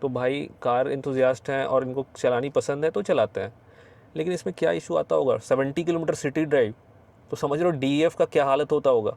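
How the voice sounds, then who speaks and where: A man's voice: mid-range voice, brisk, creaky, a little mellow. A man hosting a casual car review, talking with the owner from inside a moving car. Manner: chatty, friendly, addresses viewers as bhai. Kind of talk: casual ride-along chat.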